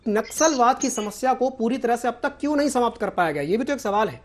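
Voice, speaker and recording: A man's voice: extremely high pitch, expressive. A male news anchor moderating a televised political debate, cutting in to keep the panel in order. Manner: brisk, interrupting to keep order.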